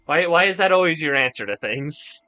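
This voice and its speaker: With soft music playing behind him, a man chats with his viewers during a casual video game stream, his voice on the high side, expressive, pushed and bright at a normal speed. Expect rambling, joking, and plenty of cursing as he reads chat.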